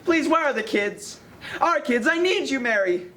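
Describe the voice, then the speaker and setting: A man's voice: very high voice, expressive, normal speed, sharp tone, full character voice. A man playing a frantic, pleading husband. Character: desperate young husband at wit's end. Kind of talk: amateur stage acting.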